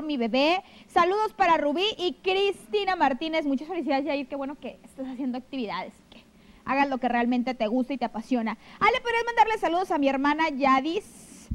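A woman's voice: high-pitched, expressive, a little fast, low-quality recording. A Mexican woman hosting a live TV show, chatting affectionately and reading viewer messages into a handheld mic. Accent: Mexican Spanish. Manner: chatty, affectionate, gushing with pet names. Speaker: TV show host. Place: TV studio. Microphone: handheld microphone.

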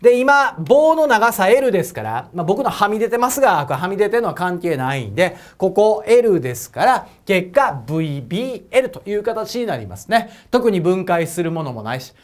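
A man with an Osaka accent gives a physics exam lecture in a chatty, joking way. His voice moves lively up and down as he asks viewers questions and laughs at his own asides. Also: high-pitched, normal speed, hardly any pauses. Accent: Osaka Japanese. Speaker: prep school physics teacher. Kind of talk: whiteboard lecture to camera.

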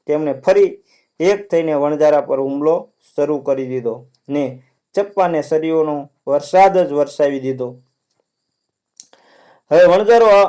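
A man's voice: a little high, mellow. A man narrating a dramatic folk story aloud in an earnest storytelling manner.

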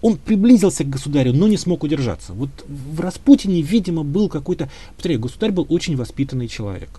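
Man talking history in an interview, mellow warm tone, lots of ums, careful and hedging. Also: fairly high pitch, big pitch swings, fast, husky. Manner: thoughtful, hedging, many filler sounds. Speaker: historian guest. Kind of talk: conversational interview answers.

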